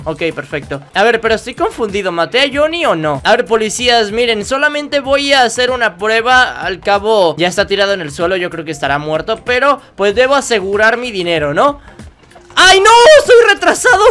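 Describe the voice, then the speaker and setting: A man giving jokey, excitable let's-play commentary, often yelping and shouting at the game. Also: sits high. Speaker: gaming video host.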